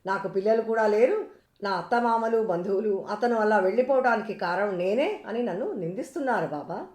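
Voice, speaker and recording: A woman's voice: mid-range voice, expressive, fairly quick, a little mellow, close to an everyday voice. A woman voicing a grieving, childless wife who tearfully pleads for help. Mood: pleading. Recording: roomy echo.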